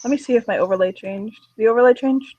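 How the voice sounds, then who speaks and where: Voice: mid-range voice, fast talker, mellow, no room sound, highs cut off. A role-play narrator chatting casually and narrating a voice role-play.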